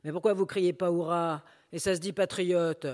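Man doing a sneering street thug, coarse and loud, mocking everyone. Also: high voice, fairly even intonation, normal speed, close to an everyday voice. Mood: taunting. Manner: mocking, insulting. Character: jeering male street thug, taunting, coarse.

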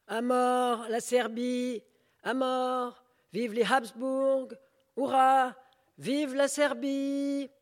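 A man voicing a red-faced male demonstrator who bellows slogans in a hoarse voice, pitched well above his own. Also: little pitch movement, extremely slow, full character voice. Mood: frenzied. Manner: shouting slogans.

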